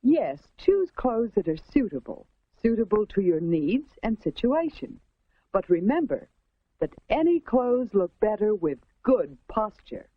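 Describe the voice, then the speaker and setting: A woman's voice: mid-range voice, sing-song, a little slow, no echo, lo-fi sound. An American woman reading a scripted 1950s instructional film narration in a prim, instructive, carefully enunciated way, on a vintage soundtrack.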